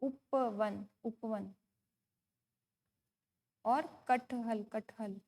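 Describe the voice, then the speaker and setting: A woman teacher from India with a Rajasthani Hindi accent, explaining a lesson to young children. She chants poem lines slowly and asks questions that she then answers herself. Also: on the high side, fairly even intonation, a little mellow. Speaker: primary school teacher.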